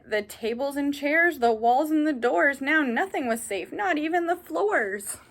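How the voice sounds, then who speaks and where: Slowly and deliberately, a high-voiced woman reads a children's story as a teacher would to a class. Her expressive, animated read-aloud speaks directly to the little ones, sprinkled with asides and questions.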